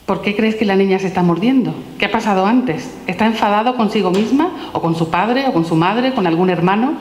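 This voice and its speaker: A woman reads out a run of simple, probing questions meant for children. Her mid-range voice carries through a large, echoing hall with a long reverb tail. A faint background hum sits under the voice. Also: mid-range voice. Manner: asks a steady stream of gentle questions. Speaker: author presenting her book. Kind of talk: reading aloud questions from a children's philosophy book. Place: large echoey room at a public talk.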